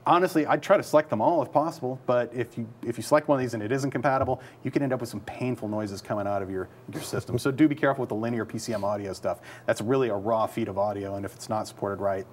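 Fast-talking upbeat male tech co-host. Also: medium pitch, slight background noise. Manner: fast, upbeat, laughing asides. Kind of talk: casual tech show chat.

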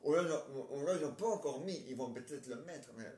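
This amateur playwright's voice is fairly high with a darkish tone, brisk and lively in intonation. He performs all the parts of his homemade play alone, hesitating, rambling and adding frequent filler tags, in an echoey, roomy home recording.

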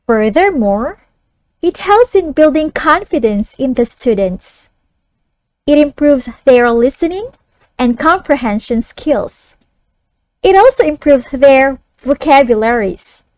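A woman teacher narrating a scripted lesson and reading poems for young children in a deliberate, instructive way. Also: sits high, lively intonation, a little mellow, dry recording. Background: music.

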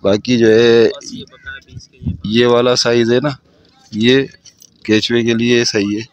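A man's voice: medium pitch, little pitch movement, slow pace, lo-fi sound. A man in his thirties with a Karachi Urdu accent, chatting casually as he vlogs a fishing trip and explains things as he goes. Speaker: vlogger. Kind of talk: casual vlog narration. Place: outdoors, in a car and by the sea. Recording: noisy outdoor street and sea ambience.

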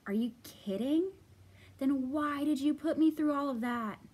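Woman playing a high, huffy little storybook bunny. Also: measured pace, a little mellow. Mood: indignant. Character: small huffy, stubborn bunny with dramatic temper. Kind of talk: children's picture book read aloud. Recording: echoey room, faint background noise.

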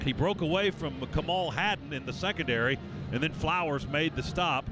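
A man with a fairly high voice gives live radio play-by-play of American football. He talks in clipped, vivid running phrases over clear stadium noise. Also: moderate pace.

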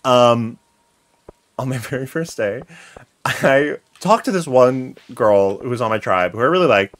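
Streaming from a small home room, this young man from the US talks in an unhurried, mid-range voice while he games. He's chatty, tells stories with animation, and reads his chat out loud over faint background game music.

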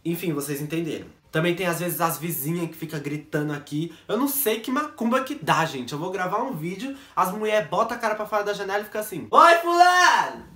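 A man's voice: high-pitched, fast, hardly any pauses, fairly bright tone, reverberant. A young man from São chatting casually to camera in a jokey, self-mocking vlog, recorded at home on a basic camera mic. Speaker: YouTuber. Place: bedroom set at home.

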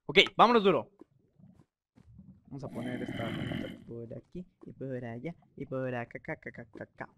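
A young man with a Mexican accent doing excitable, swear-filled gameplay commentary, reading in-game signs aloud. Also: medium pitch, moderate pace, very noisy. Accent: Mexican Spanish. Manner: excitable, swears, yells when startled.

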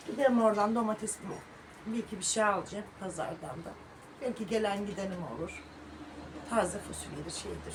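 A woman's voice: mid-range voice, noisy background. A middle-aged woman vlogging at home, talking to her viewers in a sorrowful, prayerful way and sometimes calling sharply to her dog. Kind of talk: casual home vlog talk to viewers.

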